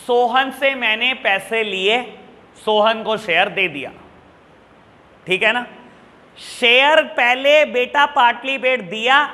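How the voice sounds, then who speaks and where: A man's voice: very high voice, sharp tone, big-room sound. A male accounts teacher lecturing a classroom of students, fatherly and scolding, firing rhetorical questions at them.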